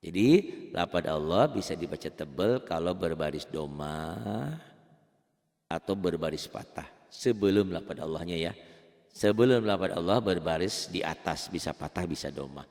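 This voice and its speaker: A man gives a casual beginners' lesson in Quran recitation. His lowish voice swings widely in pitch as he chants slow, drawn-out examples. A long reverb trails after his words. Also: lively intonation, creaky, a little mellow. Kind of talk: online tajwid lesson for beginners.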